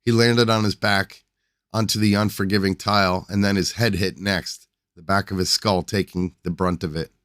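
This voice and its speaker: A man reading a short story aloud as a podcast host, in a steady, measured way with a few small slips. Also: low voice, dry recording, clean studio sound. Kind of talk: scripted short story narration.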